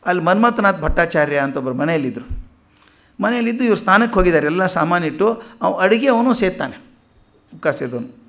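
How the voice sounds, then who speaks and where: Kannada-accented guy lecturing in a hall, raspy gravelly tone, tells stories and does the voices. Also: high-pitched, a little fast. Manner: animated storyteller, acts out quoted speech. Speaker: public speaker. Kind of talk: public lecture with storytelling.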